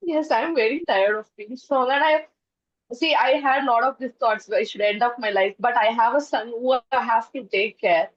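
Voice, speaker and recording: A woman, a workshop participant, sharing her story in an earnest, emotional, halting way over a video call. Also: on the high side, no room sound, muffled recording.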